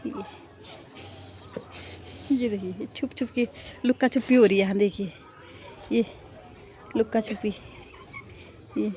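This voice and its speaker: A woman's voice: medium pitch, fairly even intonation, measured pace, long pauses, dark tone, a little hiss or hum. A woman vlogger giving a playful, giggly running commentary to her viewers while filming outdoors on a rooftop. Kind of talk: casual vlog commentary.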